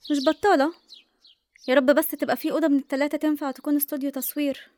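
An actress playing a lively, sardonic young Egyptian woman, a self-reliant photographer in a radio drama. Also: high voice, very fast, a little hiss or hum, lightly acted. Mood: brisk, practical.

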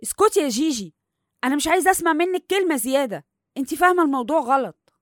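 Huffy, fast-talking older Egyptian lady. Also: high-pitched, lively intonation, dry recording, clean studio sound. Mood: indignant. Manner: huffy, scolding. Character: prim, indignant older Egyptian lady guarding her dignity. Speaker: actress in a radio serial. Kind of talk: Egyptian radio comedy drama acting.

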